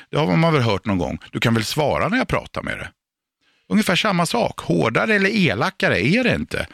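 A man working as a dog trainer, giving calm, patient and emphatic instruction for radio or a podcast. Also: mid-range voice, creaky, no room sound, studio quality.

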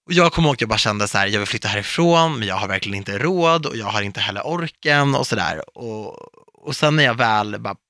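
Male podcast co-host: earnest, reflective, bright timbre, dry close recording. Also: lowish voice, animated, no echo. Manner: earnest, reflective, mixes in English phrases. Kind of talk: casual chat.

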